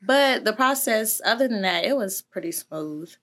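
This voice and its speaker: A woman's voice: medium pitch, animated, moderate pace, fairly bright tone. A woman in her thirties, a gym owner and trainer, talking about her business in a chatty, upbeat way full of "um"s and "like"s. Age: 30s. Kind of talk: casual interview.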